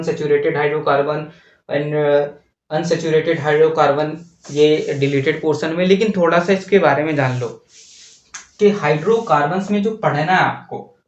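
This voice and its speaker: Slow, echoey teacher recorded from afar. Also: male voice, fairly high pitch. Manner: slow, asks questions and answers them himself. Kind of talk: chemistry lesson while writing on a board. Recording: distant, echoey, dull lo-fi.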